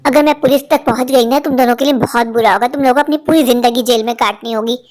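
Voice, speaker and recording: A vengeful cartoon mother-in-law who scolds and threatens in a rapid, high voice, as a woman voices her. She sounds bitter and complaining. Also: fairly even intonation, a little mellow, close to an everyday voice. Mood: scolding. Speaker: cartoon voice actor. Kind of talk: Hindi cartoon voice acting.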